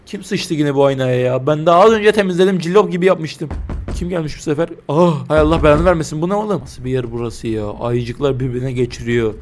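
Young male gamer, high voice, crude and jokey let's play commentary, shrieks at jump scares, faint background noise. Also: fast talker. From Turkey. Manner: crude, joking, bursts into shrieks when startled. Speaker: gaming YouTuber.

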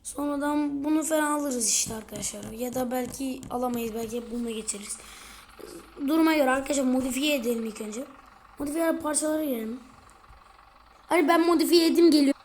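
A woman with a somewhat high voice talks her way through a driving game in quick, chatty bursts, calling out to her viewers as she plays. Her tone is excitable and casual. Noisy game sound runs loud under her voice. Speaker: gaming video creator. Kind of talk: casual gameplay commentary.

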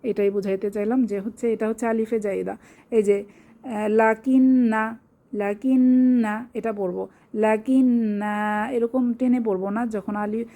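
Mellow-voiced woman teaching recitation rules. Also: mid-range voice, creaky. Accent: Bangladeshi Bengali. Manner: patient explaining with check-ins to listeners. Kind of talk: online tajweed lesson.

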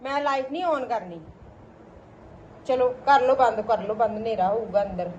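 A woman speaks to her small child in a home video, her voice sitting a little higher than most. She coaxes, teases and scolds him in a playful way. A faint hiss sits under the recording. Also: moderate pace, dull audio. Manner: teasing, coaxing, playfully scolding. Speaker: mother filming her child.

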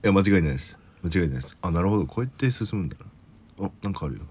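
A man's voice: deep voice, animated, racing, a little mellow, breathy edge. A man playing a horror game with casual commentary and playful, exclamatory banter. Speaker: gaming video co-host.

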